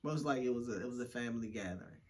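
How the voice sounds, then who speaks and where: A young man from Washington, D.C., co-hosting a casual couples chat, telling stories in an animated, slangy, joking way. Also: medium pitch, rapid-fire. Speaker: co-host.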